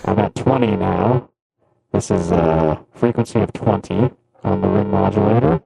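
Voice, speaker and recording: A man's voice: low voice, normal speed, vocal fry, music in the background, low-quality recording. A man speaking through a ring modulator effect that makes his voice sound metallic and robotic, calling out the settings as he tests them. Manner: testing settings aloud, counting values, laughing. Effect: ring modulator giving a metallic, ringing robotic tone. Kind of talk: casual chat.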